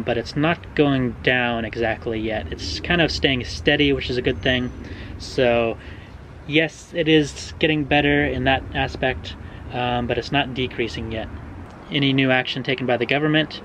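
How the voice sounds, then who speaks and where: A man's voice: mid-range voice, rough recording. American vlogger, easygoing man. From Oregon, USA. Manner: relaxed, hedging, many ums and uhs. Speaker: vlogger answering viewer questions. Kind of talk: casual explanatory vlog. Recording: faint background noise.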